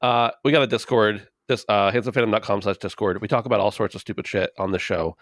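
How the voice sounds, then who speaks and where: A man's voice: lowish voice, fairly even intonation, fast talker, fairly bright tone, no room sound. A man hosting a casual comedy podcast, joking and self-deprecating. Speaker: podcast host.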